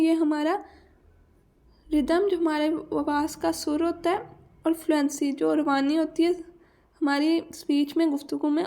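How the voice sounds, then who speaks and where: Woman, Pakistani accent, teacher, slow read-aloud then explaining, gravelly, high voice. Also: mellow. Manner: reads English lines slowly, then explains in Urdu. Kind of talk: lecture explaining pronunciation.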